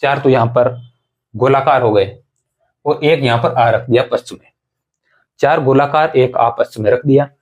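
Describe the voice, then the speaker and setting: A man's voice: mid-range voice, normal speed, long pauses. A man with an ordinary mid-range voice teaches an exam-prep grammar lesson. He talks his students through each point and repeats it. He poses a question and answers it himself. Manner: explanatory, repeats and asks rhetorical questions, addresses students as companions.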